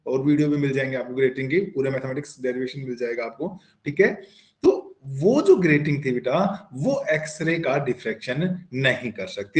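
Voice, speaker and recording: A man's voice: mid-range voice, darkish tone, echoey room. A man teaching a physics class online, coaxing his students with questions, answering them himself and mixing English terms into his explanations.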